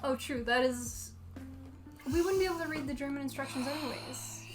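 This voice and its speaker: A woman's voice: sits high, fairly quick. A playful young woman chatting casually while unboxing hobby kits, joking and giggling often. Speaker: co-host of hobby channel. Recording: background music under voice.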